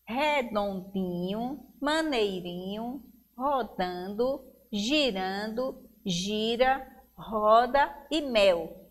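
A woman teacher with a Brazilian Portuguese accent, giving a televised reading lesson to young children and drawing out each word slowly and clearly as she sounds out its syllables. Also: on the high side. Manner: slow, clear, drawn-out syllables when sounding out words. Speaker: primary school teacher.

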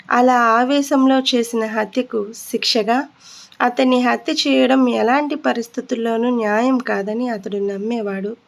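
Higher-pitched woman narrating an audio story. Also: gravelly. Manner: steady, measured reading.

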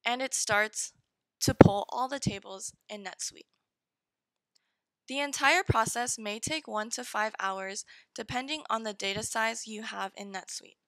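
A woman narrating a step-by-step software tutorial in short, direct instructions. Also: fairly high pitch, a little slow, dry recording, poor audio. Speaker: software demo presenter.

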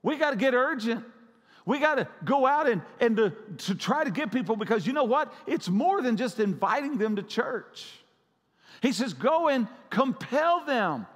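A man's voice: very high voice, lively intonation, moderate pace. A man preaching a sermon as pastor, urgent and repetitive, pressing his listeners. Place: church sanctuary. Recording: long church hall reverb.

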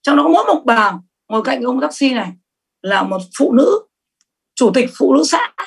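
A middle-aged woman giving a sales training talk, lively and emphatic, often asking the audience questions. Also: sits high, moderate pace, gravelly, slightly rough.

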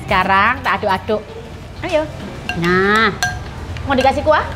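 A woman's voice: medium pitch, lively intonation, unhurried. A woman hosting a food vlog, chatting playfully and with exclamations while eating soup. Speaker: food vlogger host. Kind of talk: mukbang vlog chat to viewers. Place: small eatery, indoors. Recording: loud music under the voice. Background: loud music.

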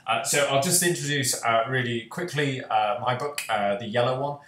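Over a headset on a video call, a young host and author leads a panel discussion, earnest and full of fillers. His fairly bright, medium-pitched voice moves at a moderate pace, with roomy echo in the recording.

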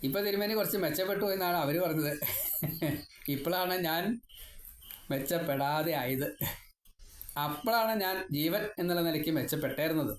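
A man teaches a devotional scripture lesson, chanting verses slowly and then explaining them in a rambling, personal manner. His voice sits a little high. The room is echoey, with faint ambient noise behind him. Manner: rambling, personal, wry asides. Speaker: Bhagavatam teacher.

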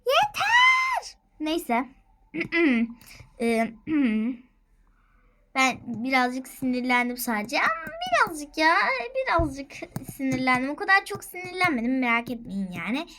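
A young Turkish-accented woman with a high, bright-sounding voice talks through her game at an unhurried pace. She is playful and a bit dramatic, and she speaks directly to her viewers. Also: animated, noisy background. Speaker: gaming vlogger. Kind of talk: casual game commentary.

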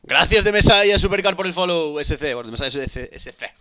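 A man with a Galician Spanish accent streams himself playing a wrestling game. His pitch is fairly high and swings widely as he shouts and rattles off repeated words. The audio is dull and lo-fi. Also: animated, brisk, music in the background. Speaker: gaming streamer. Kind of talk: live gameplay commentary.

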